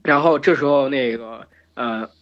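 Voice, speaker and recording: A hoarse man hosting a podcast, retelling an epic in casual chat, full of fillers and restarts. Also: medium pitch, measured pace. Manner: rambling with many fillers and restarts. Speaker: podcast host retelling myths. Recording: dull lo-fi podcast recording with faint music.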